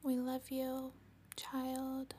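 A woman leading an ASMR-style guided healing meditation in a serene, soothing voice, breathy and often whispered. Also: high-pitched, monotone. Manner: serene, soothing, slow and gentle delivery.

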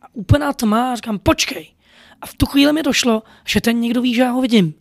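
A man's voice: extremely high pitch, vocal fry, no echo. A man telling a personal story in an earnest, rambling way, full of fillers. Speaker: podcast storyteller.

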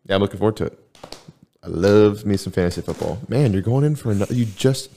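A man chats casually on his podcast, rambling through stories at an easy, laid-back pace. His voice sits very low and deep. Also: quick pace, mellow. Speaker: podcast host. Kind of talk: casual chat.

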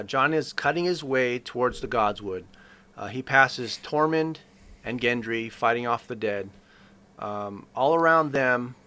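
Male co-host with a bright voice, loose scene-by-scene recap, many "uh"s. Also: mid-range voice. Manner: starts most sentences with "uh".

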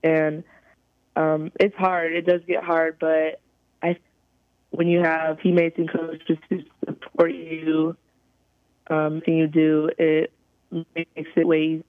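A young woman from California, a college softball player, giving halting, thoughtful interview answers over a phone call. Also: sits low, monotone, no room sound. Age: young adult. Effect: heard over a phone call. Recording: tinny, dry phone line.

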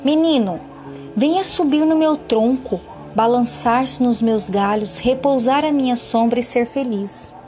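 A woman voicing a gentle, giving female tree in a storybook, speaking tenderly and softly pleading. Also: a little high, unhurried, soft background music, close to an everyday voice. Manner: tender, soft-spoken, pleading.

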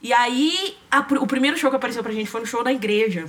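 A woman's voice: a little high, fast talker, slight background noise. A young Brazilian woman with a Brazilian Portuguese accent, a singer telling stories in a casual chat and laughing often. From Brazil, São José dos Campos. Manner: laughing often, animated, slangy. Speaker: singer guest.

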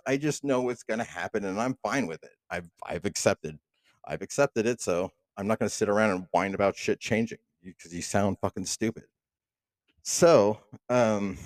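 A man's voice: on the low side, darkish tone, no room sound. A man in his thirties hosting a solo podcast, delivering a profane, rambling rant full of restarts. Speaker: podcast host. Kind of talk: casual solo monologue.

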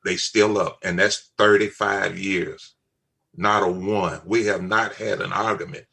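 Gravelly, raspy older man, emphatic. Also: low voice, level tone, measured pace, sharp tone. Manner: emphatic, repeats key phrases. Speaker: father on a family talk show. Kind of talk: casual family chat.

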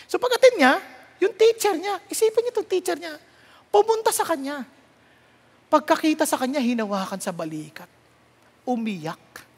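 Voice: high voice, expressive, moderate pace, long pauses, long reverb tail. A preacher giving a sermon, switching between Tagalog and English and asking the congregation rhetorical questions. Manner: mixes Tagalog and English, reads scripture aloud.

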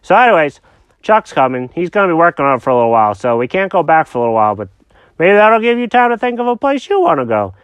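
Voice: medium pitch, fast, clean tone, no echo, lo-fi sound, voice pushed up, close to an everyday voice. Someone voicing a laid-back friendly dog. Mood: reassuring. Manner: calm, reassuring, calls the other buddy. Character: easygoing friendly male dog. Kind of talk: storytelling with character voices.

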